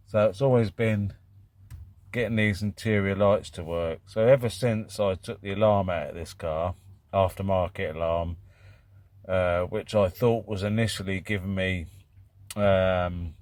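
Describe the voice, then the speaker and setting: A British man with a fairly low voice hosts a casual repair vlog. He thinks aloud as he works, rambling along in a plain, matter-of-fact manner. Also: darkish tone, dry recording. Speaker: vlog host doing DIY car repairs. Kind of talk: casual chat and work commentary.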